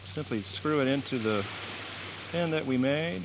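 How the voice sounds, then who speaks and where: A man's voice: medium pitch, unhurried, noisy background. Chatty man explaining his craft. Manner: playful, chatty instructions. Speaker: craftsman and pilot. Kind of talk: casual on-location demonstration. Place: workshop. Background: background music.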